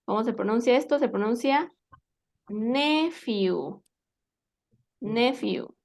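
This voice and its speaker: Brief: woman, English teacher, slightly high voice, patient and quizzing, tag questions throughout. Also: moderate pace. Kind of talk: live English vocabulary lesson.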